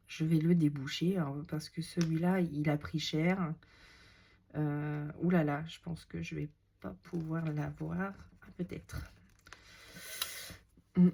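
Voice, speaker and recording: A woman with a lingering cold talks her way through a scrapbooking demonstration, her voice sitting fairly low. She speaks slowly and unhurriedly, dropping chatty, self-mocking asides as she works. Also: warm tone. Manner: chatty, self-deprecating, muttering asides to herself. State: has a cold. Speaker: scrapbooking crafter demonstrating a page. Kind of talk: casual craft tutorial, talking while working.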